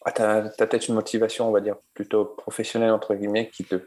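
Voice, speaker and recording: A man with a somewhat low-pitched voice hosts an informal conversation. He comments and asks questions in a casual interviewing style. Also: monotone, fast talker, a little mellow. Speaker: podcast co-host, interviewer.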